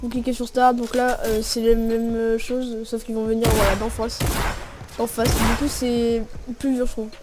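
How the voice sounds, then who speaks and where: A woman's voice: on the high side, normal speed. A young woman giving casual, slangy gameplay tutorial commentary and voicing her own shot noises as she plays. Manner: slangy and relaxed, narrating with spoken shot noises. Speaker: gaming video creator. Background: music and gunfire from the game.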